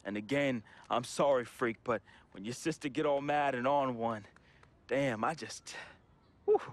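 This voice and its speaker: Unhurried and natural, a man's mid-range voice delivers a game character's farewell letter: a troubled young man's confession, full of casual slang. This emotional studio voice-over monologue is somber and heartfelt.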